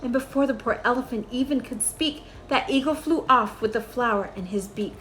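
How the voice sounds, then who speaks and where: A woman reading a rhyming children's story aloud in an expressive, measured storytelling style. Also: a little high, a little hiss or hum, rough recording.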